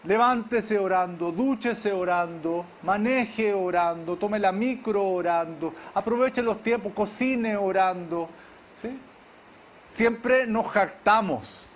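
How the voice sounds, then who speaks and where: High-voiced man preaching. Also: a little hiss or hum. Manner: preaches to a congregation, often checks in with a quick "¿sí?". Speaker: pastor. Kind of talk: sermon. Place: church service.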